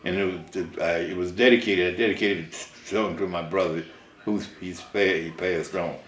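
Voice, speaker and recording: A man's voice: deep voice, roomy sound. An older man from Mississippi, a songwriter, recalling his life in a rambling way with many restarts.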